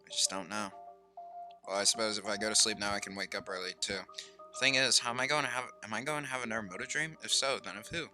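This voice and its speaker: A man's voice: lowish voice, fast talker, music in the background. A man streaming a game, narrating casually and thinking aloud as he reads. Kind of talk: let's-play narration.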